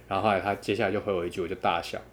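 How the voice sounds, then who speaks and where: A man telling a dating story in casual chat, quoting others with animated, laughing delivery. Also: low voice, very fast, a little hiss or hum.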